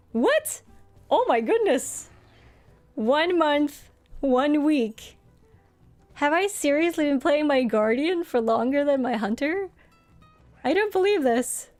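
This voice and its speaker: Streaming a game, a young Norwegian-born woman talks casually with her viewers and reads their chat messages out loud. She has a high voice, comes across as friendly and talkative with frequent laughter, and there's no room sound on the recording.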